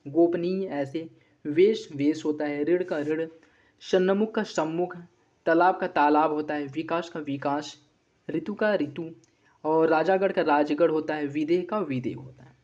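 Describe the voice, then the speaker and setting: A teacher giving an exam-prep grammar lesson, running quickly through corrections in a set drilling pattern. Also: mid-range voice, darkish tone. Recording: dull lo-fi recording.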